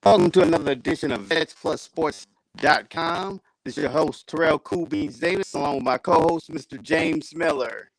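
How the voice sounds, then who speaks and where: A man hosting a sports talk show, his voice sitting a little high. It comes through a glitchy video call that keeps breaking up, dry and close with no room sound at all. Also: expressive, moderate pace, no echo, poor audio. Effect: glitchy, breaking-up video call audio. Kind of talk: casual online sports show chat.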